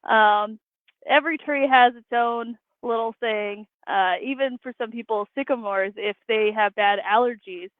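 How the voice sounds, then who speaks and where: A woman's voice: a little high, unhurried, dry recording. A woman arborist answering interview questions, explaining in a matter-of-fact way over remote call audio. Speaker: arborist guest. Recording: tinny dry phone-like line.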